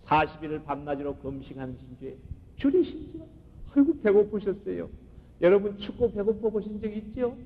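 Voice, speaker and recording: A male pastor preaching a sermon with emphatic, animated delivery, often asking the congregation questions. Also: high-pitched, moderate pace. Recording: muffled recording in a reverberant hall.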